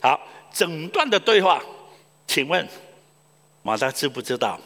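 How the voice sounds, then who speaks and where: A male pastor preaching a sermon, telling stories with loud exclamations and hushed asides. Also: on the high side, measured pace, in a large hall. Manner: animated storytelling, swings between loud exclamations and hushed asides.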